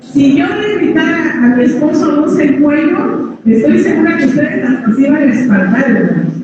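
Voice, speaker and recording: A woman with a big, strong voice preaching a sermon, often dropping low to address her listeners as brothers. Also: expressive, moderate pace. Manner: addresses listeners as brothers, drops pitch on each "hermanos". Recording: echoey hall, from far off, dull sound, noisy.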